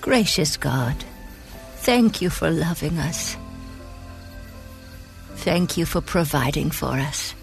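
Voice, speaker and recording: A woman playing a kindly, folksy, devout elderly granny in a gentle, unhurried bedtime sleep story. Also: low voice, lively intonation, creaky, soft background music, full character voice. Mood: prayerful, tender. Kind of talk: scripted sleep story narration in character.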